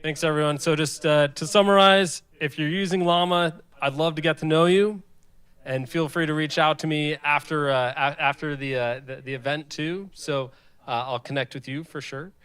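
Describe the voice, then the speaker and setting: A man co-presenting at an event, speaking casually and haltingly to an audience, often interrupting himself. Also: fairly high pitch, fairly even intonation, fairly bright tone, smooth.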